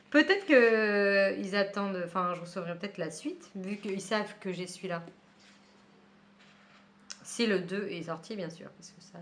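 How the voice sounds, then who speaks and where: A woman book vlogger chatting casually at home while she unboxes a book subscription box, with many fillers and small laughs. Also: mid-range voice.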